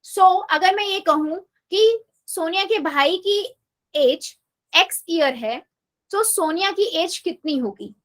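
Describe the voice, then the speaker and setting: A woman's voice: extremely high pitch, expressive, slow pace, a bit bright. A woman math teacher giving a live online class, patiently coaxing her students and repeating her questions, mixing English math terms into her Hindi.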